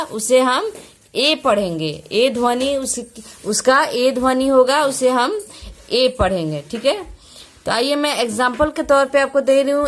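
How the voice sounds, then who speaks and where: A woman teacher, patiently explaining pronunciation rules, repeating each point and spelling out letters slowly. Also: on the high side. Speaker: English teacher.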